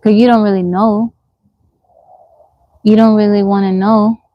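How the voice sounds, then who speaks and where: Out in the woods, a woman in her forties reads viewer comments on her casual livestream and answers them candidly, questioning things and saying them more than once. Her medium voice has little pitch movement and a slightly slow pace. The recording is muffled, with no echo.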